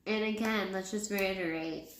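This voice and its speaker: A woman's voice: mid-range voice, fairly even intonation, moderate pace, slight background noise. Tipsy, rambling woman in an echoey room. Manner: tipsy, rambling, repeating herself. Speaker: movie reviewer. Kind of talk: casual rambling film review chat.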